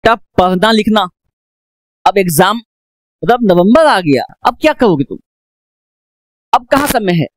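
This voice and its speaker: A woman's voice: mid-range voice, lively intonation, unhurried, long pauses, dry recording. A woman teaching an economics lesson, repeatedly asking questions and answering them herself, mixing English phrases into her talk. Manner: mixes English phrases into Hindi speech. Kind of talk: classroom economics lecture.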